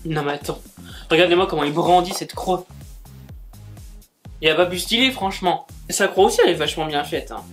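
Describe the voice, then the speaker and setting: A man's voice: a little high, a little fast, long pauses, faint music behind. A man chatting casually as he unboxes gifts, gushing and exclaiming as he goes. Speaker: book and manga YouTuber.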